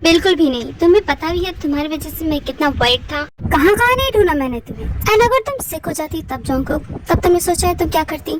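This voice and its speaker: A woman's voice: extremely high pitch, animated, quick pace, hardly any pauses. Woman voicing a bossy, doting young man. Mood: scolding. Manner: scolding yet doting. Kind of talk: fan audio drama. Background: background music.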